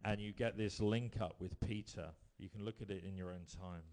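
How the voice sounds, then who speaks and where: A man preaching a sermon, telling stories with emphatic rises and quiet drops. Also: deep voice, fairly even intonation, normal speed. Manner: storytelling, rising to emphatic bursts then dropping quiet.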